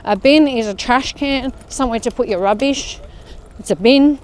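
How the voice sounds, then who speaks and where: A woman's voice: on the high side, moderate pace. An Australian woman leading a walking workout, chatting casually as she walks through an outdoor park. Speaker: fitness vlogger leading a walk. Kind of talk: casual walk-along chat.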